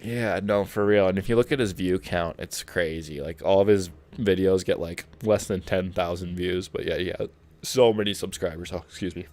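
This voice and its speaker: Deep-voiced man chatting on a game stream. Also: fairly even intonation, moderate pace, hardly any pauses, darkish tone. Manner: rambling, chatty, laid-back. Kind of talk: casual gaming stream chat.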